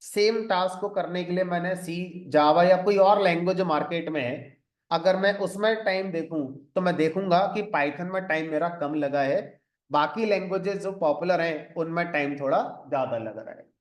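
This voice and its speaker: A man's voice: high-pitched, normal speed. A man teaching a programming class step by step, mixing English terms into his Hindi and often checking in with the students. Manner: explains step by step, often adds "ठीक है" to check in. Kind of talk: classroom lecture. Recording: echoey room.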